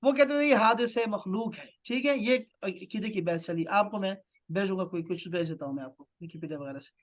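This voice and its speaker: A man from Pakistan teaching an online class in a questioning, repetitive manner. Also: high voice. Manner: questioning, repeats "theek hai" and "na".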